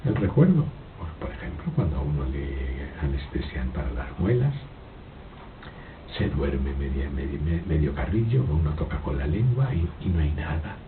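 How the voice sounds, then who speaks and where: A man giving a slow, reflective philosophical talk, halting and repeating his words, with frequent rhetorical questions. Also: big pitch swings, distant mic. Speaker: spiritual speaker giving a talk. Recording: old lo-fi tape, phone-like, noisy with rumble.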